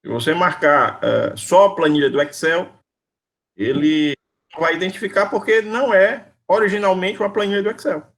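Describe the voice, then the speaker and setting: A man's voice: high-pitched, moderate pace, a bit bright. A man teaching a university class over a video call. He quizzes his students, calls on them by name and repeats his questions patiently. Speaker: university lecturer.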